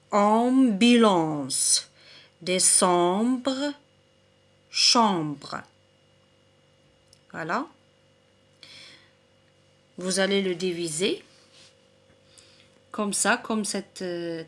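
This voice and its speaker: Woman teacher, super slow and patient, chops words into syllables and says them again and again, mid pitch. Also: a bit bright. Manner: patient, repeats each word. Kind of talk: recorded reading lesson for children.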